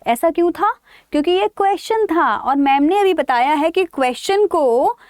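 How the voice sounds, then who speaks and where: A young woman with an Indian accent teaches grammar in a high, lively voice. She keeps asking the class questions and answering them herself. The sound is dry and close. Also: no room sound. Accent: Indian English. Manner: lively, asks and answers her own questions. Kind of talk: online grammar lesson.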